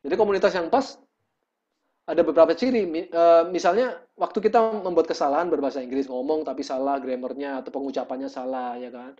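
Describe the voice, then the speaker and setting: Musician guest, man, fairly high voice, animated storyteller, muffled video-call sound. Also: quick pace. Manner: lively storytelling, acts out quotes. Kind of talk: casual video-call conversation.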